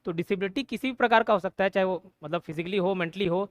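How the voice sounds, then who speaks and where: A man's voice: sits high, fast talker, no room sound, studio quality. A man teaching an exam prep class. He uses memory tricks, repeats each point, quizzes the class and checks in with "theek hai". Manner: repeats points, asks the class quiz questions, says "theek hai" often. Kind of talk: mnemonic-based exam prep lecture.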